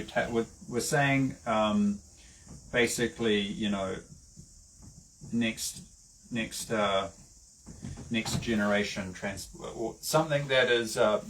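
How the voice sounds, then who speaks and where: A low-voiced man with a New Zealand accent talks through a casual lesson, halting often with fillers and restarted phrases. He sits a little away from the mic, and faint background noise hangs under his voice. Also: far from the mic, poor audio. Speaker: online lecturer.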